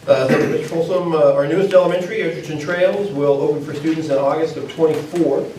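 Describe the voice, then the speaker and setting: Mellow-voiced man in an echoey meeting room. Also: fairly high pitch, steady tone, slight background noise. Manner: halting, repeats words. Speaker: school administrator. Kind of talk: formal remarks at a board meeting. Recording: echoey room, mic far off.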